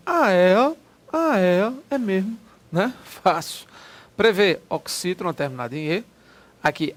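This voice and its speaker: Going question by question through an exam, a male Portuguese grammar teacher lectures in a slightly bright, higher-than-average voice. He stretches key words as he explains and keeps asking "né?" to make sure listeners follow.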